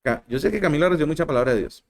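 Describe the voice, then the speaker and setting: Guy preaching a sermon, kinda high voice, gets loud then goes real soft, keeps asking the crowd stuff. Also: rapid-fire. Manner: expressive, swings between loud emphasis and soft low lines; addresses listeners directly, asks rhetorical questions.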